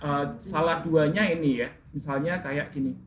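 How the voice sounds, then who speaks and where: A man's voice: a little high, normal speed. A man teaching an English class, correcting his students' pronunciation and asking them questions. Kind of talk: classroom instruction. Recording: echoey classroom with faint room noise.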